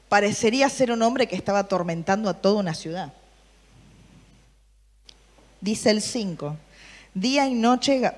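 With a mid-range voice and big-room sound, a woman preaches to a youth group. She is lively, reads Bible verses and Bible versions aloud, and puts questions to the listeners.

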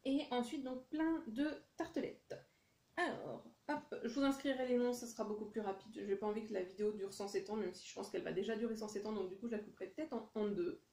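A woman's voice: medium pitch, warm tone. Chatty French woman with a roomy echo. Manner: chatty, hesitant with many fillers; reads English product names in a deliberate French accent. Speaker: vlogger showing a haul. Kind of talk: casual haul vlog.

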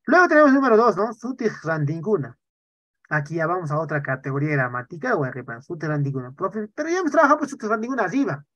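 Man teaching online, lively and swooping in pitch, dry dull lo-fi call audio, constant check-ins with the class. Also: no room sound. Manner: animated, tags sentences with "¿ya?" and "¿no?". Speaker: Quechua language teacher.

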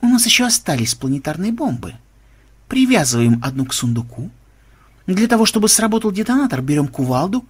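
A man's voice: sits high, sing-song, a little fast, husky, pitched above the performer's own voice, heavily acted. A man doing a know-it-all programmer. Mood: thoughtful. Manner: authoritative, musing. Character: self-assured male programmer, know-it-all.

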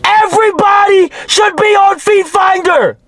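A man's voice: very high voice, a little slow. A young man screaming comedic replies in mock outrage, indignantly repeating questions, recorded on a phone inside a car. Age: young adult. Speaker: comedic social media creator. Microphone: phone at arm's length. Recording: distorted, noisy phone recording.

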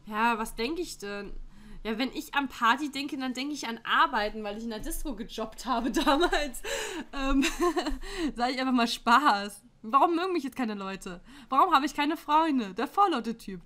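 A young woman with a fairly high voice talks casually at home into a desk microphone. She is blunt and slangy, reads quiz questions aloud, and laughs easily between her answers. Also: animated, normal speed, pushed and bright. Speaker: YouTuber. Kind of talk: casual chat reacting to an online quiz. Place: home room with window open.

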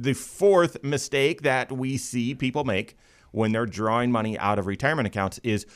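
A man hosting a casual financial talk show in a studio, chatty and upbeat, lifting his energy at segment ends. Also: mid-range voice. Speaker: host. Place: radio studio.

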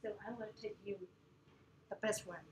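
A woman's voice: mid-range voice, normal speed. A woman with a Burmese accent, a native Burmese speaker, giving a casual classroom presentation and laughing often between phrases. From Myanmar. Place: indoor room with an audience. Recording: echoey room, far from the mic, noisy.

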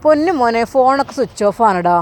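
A woman voicing an anxious, grieving older mother, speaking in a soft, pleading way. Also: on the high side, animated, fast, natural voice. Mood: distressed.

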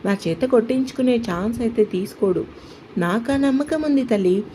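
Doting middle-aged uncle, gentle and reassuring, voiced by a woman, mellow tone, storybook. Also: on the high side, animated, normal speed, a little hiss or hum, close to an everyday voice, low-quality recording. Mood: teasing.

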